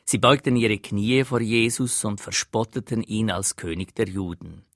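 Forceful, earnest male preacher. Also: lowish voice, normal speed, no echo, studio quality. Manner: dramatic, earnest retelling. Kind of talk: first-person sermon narration.

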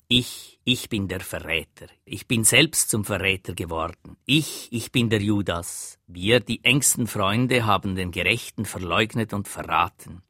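Forceful, earnest male preacher. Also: fairly low pitch, no room sound, clean studio sound. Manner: dramatic, earnest retelling. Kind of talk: first-person sermon narration.

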